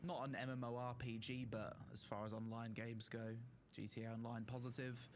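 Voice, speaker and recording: A man's voice: mid-range voice, level tone, moderate pace, slight background noise. Casual man ranking games, strained throat. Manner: opinionated, casual, with fillers. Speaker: gaming streamer. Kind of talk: casual tier-list commentary.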